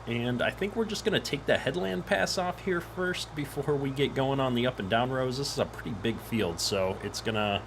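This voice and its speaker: Casting: easygoing male streamer, mid-pitched, chatty, echoey room with clear vehicle noise behind. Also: moderate pace, few pauses. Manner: easygoing, chatty greetings to viewers. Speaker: live stream host. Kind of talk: casual live game stream chat. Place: echoey home office.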